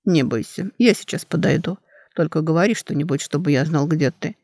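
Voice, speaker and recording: A woman voicing a stern young man who speaks slowly in a flat, measured, quiet voice in an audiobook. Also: low voice, no echo, clean studio sound. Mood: calm. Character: calm stern young man, protective brother.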